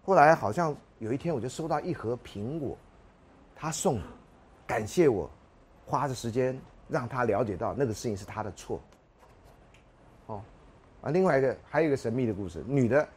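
A man's voice: mid-range voice, normal speed, pauses often, slightly rough. A man, a university lecturer telling classroom anecdotes, acting out dialogue and asking rhetorical questions. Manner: animated storyteller, acts out dialogue, frequent rhetorical questions.

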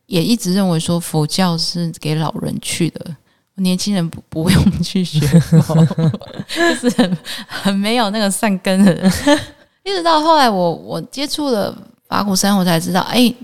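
A woman, a Buddhist nun, telling her life story in an interview, animated and often laughing. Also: mid-range voice, normal speed. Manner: emotional, animated retelling with laughs.

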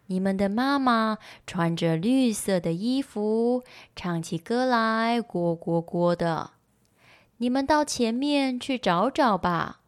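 A woman voicing a kindly, graceful mother goose in a lowered, soothing storybook voice. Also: expressive, takes it slowly, no room sound, studio quality. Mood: gentle.

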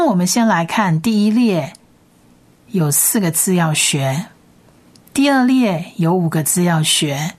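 Patient woman teaching, slightly low voice. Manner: patient, repeats sounds slowly and carefully. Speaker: Hebrew teacher. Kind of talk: recorded language lesson.

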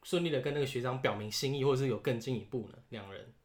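A podcast co-host reacts in casual chat with short words and quick questions. The voice sits in an ordinary middle range. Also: medium pitch. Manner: brief reactions and follow-up questions.

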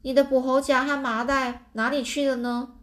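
A woman's voice: high voice, flat delivery, normal speed, a bit bright, pitched above the performer's own voice. A nosy little farm girl who teases her brother with pointed questions, as a woman reading the story puts her on. She sounds lightly raised and mocking, in a storybook reading. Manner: teasing, nosy.

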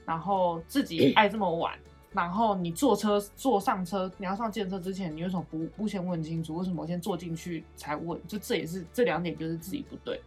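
A young woman co-hosting a casual chat, retelling a story with animated, swearing quotes. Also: lowish voice, fast, breathy edge, soft background music. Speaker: podcast co-host.

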